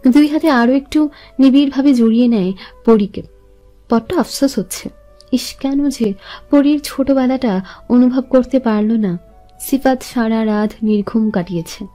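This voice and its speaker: Mellow woman narrating a love story. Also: a little high. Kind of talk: scripted romance narration.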